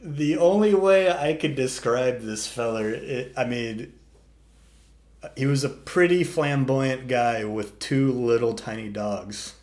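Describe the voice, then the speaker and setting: A young man telling a wild story in casual chat, animated and profane, saying "dude" a lot and acting out the quotes of others. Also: medium pitch, slow pace. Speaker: storyteller guest.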